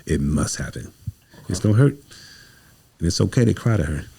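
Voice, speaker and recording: An American playwright and director, appearing as a podcast guest, gives a motivational conversational talk in an emphatic, preacherly style, often repeating phrases. His low voice is very animated at a moderate pace, creaky, mellow, and slightly rough.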